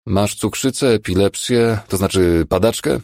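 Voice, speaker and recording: Narrator's take on a calm, curt ER doctor. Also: male voice, fairly low pitch, creaky, no echo, studio quality, voice pushed up. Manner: calm, firm and brisk.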